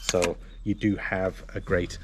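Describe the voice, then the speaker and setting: A man presenting a casual gear walkthrough to camera, explaining things in a halting, self-correcting way. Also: low voice, flat delivery, heavy background noise. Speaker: motovlogger and presenter.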